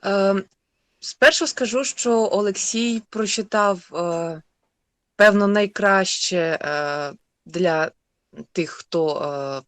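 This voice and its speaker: A woman, the author of a text, talking thoughtfully on a radio show with many pauses and fillers. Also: mid-range voice, dry recording. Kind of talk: radio studio discussion.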